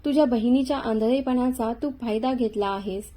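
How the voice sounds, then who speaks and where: A woman's voice: fairly high pitch, moderate pace, warm tone, close to an everyday voice, poor audio. A woman voicing a stern, mocking male police inspector in a spoken story, cold and accusing.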